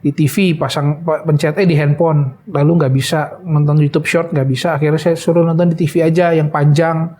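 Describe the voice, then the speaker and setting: A middle-aged man giving an emotional personal testimony in an interview, speaking hesitantly with many pauses. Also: fairly high pitch, steady tone, warm tone. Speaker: interview guest, bereaved father.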